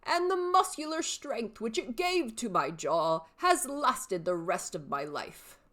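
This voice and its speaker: A woman's voice: fairly high pitch, sing-song, slow, a bit bright, exaggerated voice. Eccentric old father in a verse recital, played by a woman: pompous, crotchety, emphatic, widely varied intonation. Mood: boastful. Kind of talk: theatrical poem recitation.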